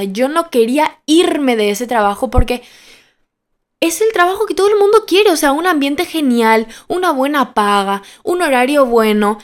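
A nineteen-year-old woman hosting a podcast, talking candidly and emphatically in a casual motivational monologue, repeating phrases for stress. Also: fairly high pitch. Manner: candid and personal, self-deprecating. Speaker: podcast host.

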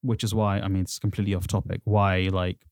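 A man with a fairly low voice talks through current events casually, as a podcast host would. His phrasing is halting and hesitant as he explains things. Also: level tone, darkish tone, clean tone, no echo, studio quality. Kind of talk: casual news commentary.

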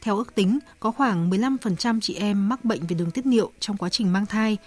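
A woman's voice: mid-range voice, brisk, darkish tone, soft background music. Woman presenting a formal health bulletin. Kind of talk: formal scripted news narration.

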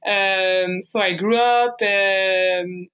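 French lady talking about her art, slow and halting, lots of ums. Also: mid-range voice, steady tone, highs cut off. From France. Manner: hesitant, many fillers and restarts. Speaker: paper artist guest. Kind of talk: casual interview answers.

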